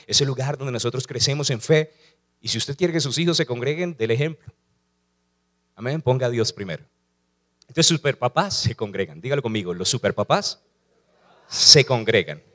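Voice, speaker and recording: A male pastor preaching a sermon, asking rhetorical questions and calling on the congregation to repeat after him. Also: mid-range voice.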